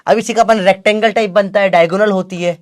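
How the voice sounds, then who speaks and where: A man's voice: high-pitched, fairly even intonation, fast, no room sound, clean studio sound. A young man teaching physics in a chatty, teasing lecture. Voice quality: chatty, teasing, calls students beta. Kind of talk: classroom lecture with Gen Z slang.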